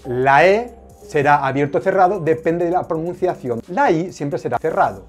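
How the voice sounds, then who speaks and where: An online Spanish teacher, explaining a language lesson in a methodical way, pausing often with hesitant fillers. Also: mid-range voice, lively intonation, faint music behind.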